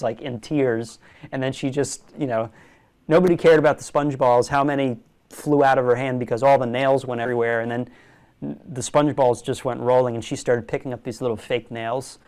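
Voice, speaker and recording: Smooth-voiced young man telling stories. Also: mid-range voice. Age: young adult. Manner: animated storyteller, laughs often. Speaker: magician guest. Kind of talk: casual storytelling interview.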